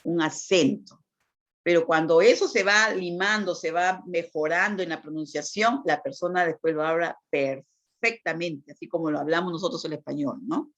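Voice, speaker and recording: A woman teacher lectures on communication, explaining patiently and frequently checking in with tag questions. Her voice is fairly low and her speed normal, on a dull lo-fi recording.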